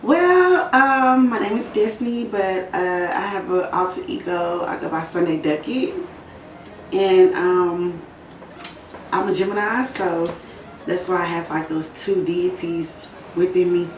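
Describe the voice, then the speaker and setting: A young Oklahoma woman, interviewed as a guest, recounts her hard past in a candid, casual way, blunt and profane with plenty of swearing. Her voice is fairly low and unhurried, picked up off-mic from a distance with roomy echo, a little hiss or hum, and faint music behind.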